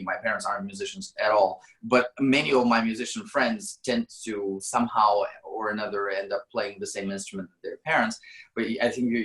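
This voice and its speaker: A man's voice: fairly low pitch, low-quality recording. Friendly young male interview host. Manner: friendly, warm, lively reactions. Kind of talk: casual interview chat.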